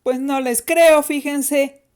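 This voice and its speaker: A woman's voice: high-pitched, slow, darkish tone, voice pushed up. A woman voicing a taunting, bossy older sister who teases her younger siblings and mimics a strict teacher, in a told story.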